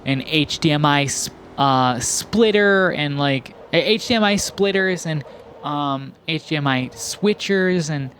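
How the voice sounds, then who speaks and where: A young man rambles through laid-back gaming commentary, drifting between thoughts with plenty of fillers. His voice sits a touch high and his pace is unhurried. A faint noise floor hums underneath. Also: a bit bright. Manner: rambling, many fillers and restarts. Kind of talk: casual chill commentary over gameplay. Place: home, recorded in post.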